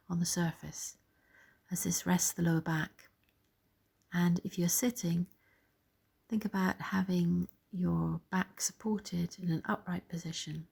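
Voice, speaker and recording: A woman guides a body scan meditation, soft, gentle and soothing, pausing between phrases. Her voice is fairly low-pitched, slightly rough, with vocal fry.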